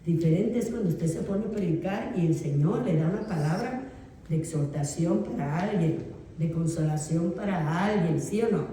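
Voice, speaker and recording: A woman pastor gives an informal theology lesson with a mellow, warm tone. She keeps checking in with her class. Her voice comes from some distance in a very roomy, echoey space with faint background noise. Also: lowish voice, lively intonation, normal speed. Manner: conversational, often checks in with the class. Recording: echoey room, voice picked up from far off.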